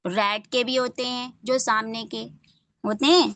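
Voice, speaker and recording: Young woman, online class teacher, higher voice, patient and repetitive, dry close mic. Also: steady tone, a bit bright, dry recording. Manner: patient, drills sounds slowly and repeats them. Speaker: online Quran reading teacher.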